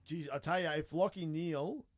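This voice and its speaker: A man's voice: a little high, brisk. An Australian man co-hosting a podcast, chatty and retelling stories with quoted voices. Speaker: podcast co-host. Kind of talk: casual chat.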